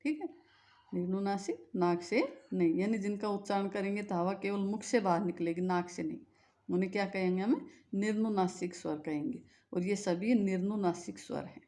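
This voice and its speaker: A woman's voice: mid-range voice, moderate pace, mellow. Woman teacher quizzing and answering herself. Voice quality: patient, asks a question then answers it herself. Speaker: Hindi grammar teacher. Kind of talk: classroom-style lesson with repetition and questions.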